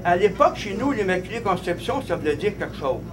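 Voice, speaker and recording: A man from Abitibi tells a childhood story in a Quebec French accent. His high voice swoops up and down, and he laughs and restarts as he rambles. A noisy background is clearly heard. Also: very animated, fast talker. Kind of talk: personal anecdote told live.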